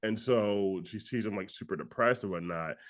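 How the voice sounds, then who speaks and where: A young man, low-voiced and casual, co-hosts a podcast about films. He rambles through his points, stacking "like" and restarting sentences as he goes. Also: moderate pace. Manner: rambling, heavy use of "like", animated retelling. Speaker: podcast co-host. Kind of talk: casual film discussion.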